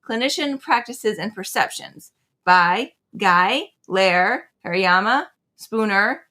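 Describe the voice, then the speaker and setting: A woman's voice: medium pitch, lively intonation, slow pace, pushed and bright. A woman co-hosting a podcast in casual, conversational chat. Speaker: podcast co-host.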